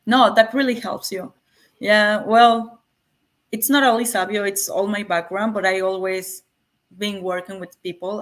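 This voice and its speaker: Woman with a Mexican accent. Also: mid-range voice. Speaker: interview guest, coding school graduate. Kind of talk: casual interview answers.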